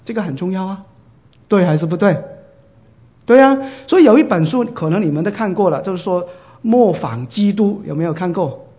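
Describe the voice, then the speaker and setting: A man's voice: sits high, expressive, fairly quick, mellow, muffled recording. A male pastor preaching a sermon. He keeps asking his listeners questions and answering them himself, and he acts out short dialogues in livelier voices.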